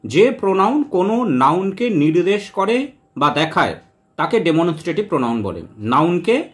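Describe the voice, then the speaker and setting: Slow, lively-voiced male grammar teacher. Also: sits high. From West Bengal. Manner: slow, repeats examples word by word. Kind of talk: explanatory grammar lesson.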